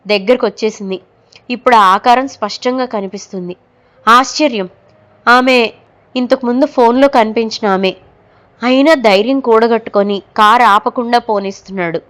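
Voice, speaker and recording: A woman narrating a horror audio story in a measured, dramatic storytelling manner. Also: on the high side.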